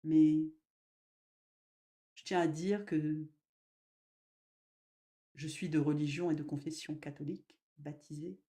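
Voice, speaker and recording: Gentle woman with a mellow voice. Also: low-pitched, fairly even intonation. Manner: gentle, slow, with sudden loud emphasis and soft drops. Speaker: spiritual medium. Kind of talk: spiritual live talk.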